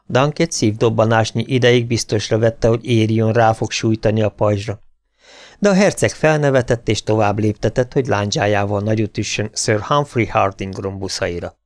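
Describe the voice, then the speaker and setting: A man narrating a fantasy audiobook in a steady, measured storytelling manner. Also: lowish voice, no echo. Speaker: audiobook reader.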